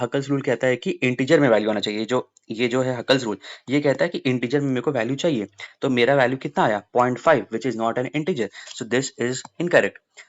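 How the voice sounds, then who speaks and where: A man's voice: mid-range voice, highs cut off. A young man teaching exam science questions, switching between Hindi and English and repeating key points for his students.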